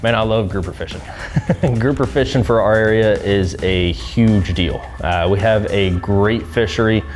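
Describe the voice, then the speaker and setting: A man, a local angler, speaking in a relaxed, unhurried manner in an interview. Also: lowish voice, faint music behind. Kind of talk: interview remarks.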